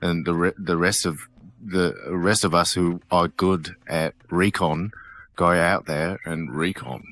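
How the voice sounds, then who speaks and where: A man playing a tabletop game, talking casually in a halting, hesitant way. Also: deep voice, fairly even intonation, a bit bright, dry recording. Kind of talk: in-character casual game talk.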